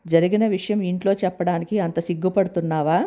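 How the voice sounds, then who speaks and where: A calm elder brother who asks questions gently, as a woman reads him aloud. The voice sits low and soft-edged, steady and plain. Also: fast, close to an everyday voice. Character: calm adult man, elder brother of the house.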